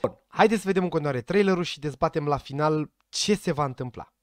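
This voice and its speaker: A man's voice: a little high, very noisy. A man giving casual commentary to his viewers, chatty and speculative, sometimes tripping over names. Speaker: vlogger reacting to a series trailer.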